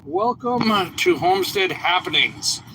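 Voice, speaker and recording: A homestead channel host streams live from inside his truck, holding his phone camera in his hand. He's rambling and chatty, fumbling with his gear and sounding a bit congested from a lingering cough. His high voice is animated yet slow, pushed and bright, with a little hiss or hum.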